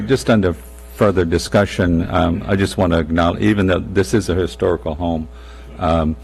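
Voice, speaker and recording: A man chairing a public meeting in formal procedural language, with a halting delivery. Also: low-pitched, vocal fry, a little mellow. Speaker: commission chair. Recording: faint hum and noise.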